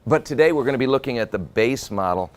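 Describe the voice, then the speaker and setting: A man's voice: medium pitch, expressive, quick pace, slight background noise. A man presenting a car review walkaround, with an upbeat, jokey, salesman-like delivery.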